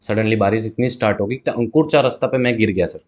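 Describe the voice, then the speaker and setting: A man's voice: on the low side, fast talker. A man, a guest telling a story in a casual interview. He talks animatedly, acts out both sides of talks with customers, and mixes in English words. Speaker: guest, burger seller.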